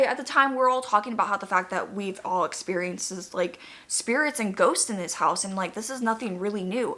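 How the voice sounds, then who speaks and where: Young woman, casual ghost-story teller; slightly high, forward bright tone; rambling, chatty delivery.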